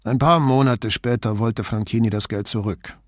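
A man's voice: mid-range voice, fairly even intonation, normal speed, no room sound, clean studio sound, close to an everyday voice. A man voicing an evasive, touchy man who turns defensive and indignant under questioning, read in an audiobook.

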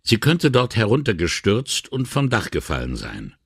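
A man voicing a calm, thoughtful middle-aged male police commissioner in an audiobook, measured and reasoning. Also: on the low side, husky, no room sound, clean studio sound, pitched above the performer's own voice, full character voice. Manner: measured and reasoning, gently wry. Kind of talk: audiobook character reading.

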